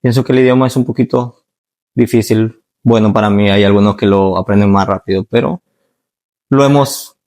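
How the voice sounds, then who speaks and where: A man in his thirties from Ecuador talks through his answers as an interview guest. His voice sits a little low, and he keeps a calm, measured pace, often tagging his sentences with a questioning "¿no?". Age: 30s. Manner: calm, measured, frequent "¿no?" tags.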